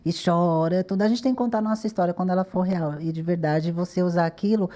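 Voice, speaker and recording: Fast-talking woman telling stories. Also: lowish voice. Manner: lively storyteller, acts out quoted dialogue. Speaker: podcast guest, dancer and TV journalist. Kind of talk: casual interview chat.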